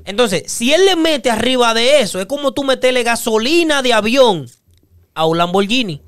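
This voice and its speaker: Man explaining beats, high voice. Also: lively intonation, normal speed, fairly bright tone, clean tone, dry recording, studio quality. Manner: explains with analogies, sings melodies to illustrate. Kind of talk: casual music reaction chat.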